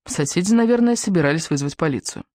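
A woman narrating an audiobook in an even, measured storytelling manner. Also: low voice, dry recording, studio quality. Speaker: audiobook reader. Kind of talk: scripted narration.

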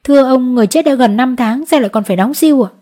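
Woman reading peasant wife, desperate, tearful, pleading, higher voice, storybook. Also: racing, mellow, close to an everyday voice. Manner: pleading, sobbing.

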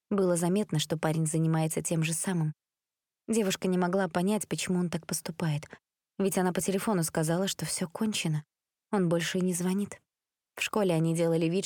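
A woman narrating a story aloud in a steady storytelling manner. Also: on the low side, no room sound, studio quality. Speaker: reader.

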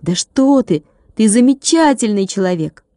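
Earnest little schoolboy pleading softly, a lady doing him, storybook voice, mellow tone. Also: medium pitch, expressive, normal speed, dry recording, studio quality, lightly acted. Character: earnest young schoolboy, fourth grader.

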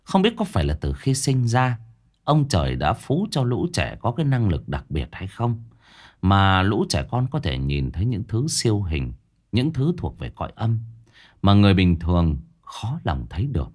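A man's voice: lowish voice, very animated, normal speed, darkish tone. A man narrating a ghost story in a dramatic, suspenseful way.

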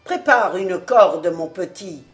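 A woman voicing a stern old male outlaw chief, calmly menacing, speaking loud, slow and deliberate, in an audiobook. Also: medium pitch, soft background music. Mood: mocking.

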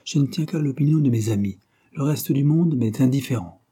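A man voicing a big, brash young man who talks bluntly and provokes others with mocking calm. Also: medium pitch, moderate pace, husky, natural voice. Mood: defiant.

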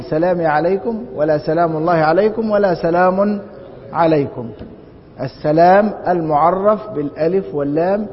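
This classroom lecture on a religious text comes from a man with an Egyptian Arabic accent teaching Islamic law. Posing questions and supplying the answers himself, he speaks in a big mosque lecture hall whose sound is dull and reverberant, with a slight rumble underneath.

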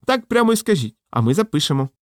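A man reading an audiobook, voicing a pompous middle-aged male pseudo-scientist in a shrill, preachy falsetto. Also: sing-song, quick pace, no echo, clean studio sound. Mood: sneering. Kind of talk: audiobook character voice.

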